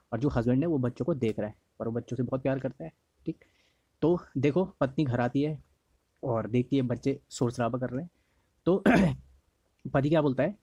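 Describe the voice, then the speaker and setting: A male teacher with a slightly hoarse throat, giving a lesson on memory tricks. He repeats each mnemonic slowly and keeps checking in with the class. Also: medium pitch, dark tone, no room sound. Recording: dry, slightly dull lo-fi recording.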